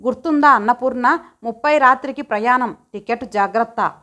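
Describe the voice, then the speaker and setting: A woman's voice: on the high side, brisk, sharp tone. A woman voicing a stern older husband and father-in-law who scolds in curt orders in an audio story. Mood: explaining.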